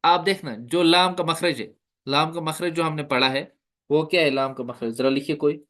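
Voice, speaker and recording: This classroom lecture comes from a man teaching recitation, his voice fairly high, steady, a bit bright, and at normal speed. He breaks each point down step by step, questions his students, and models the sounds.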